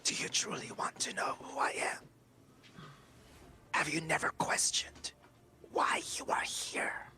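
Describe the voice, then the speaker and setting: A man voicing an ancient, menacing god of life and death in a demonic, possessed-sounding harsh whisper, slow and grandiose, during a tabletop game. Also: sharp tone. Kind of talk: tabletop game role-play.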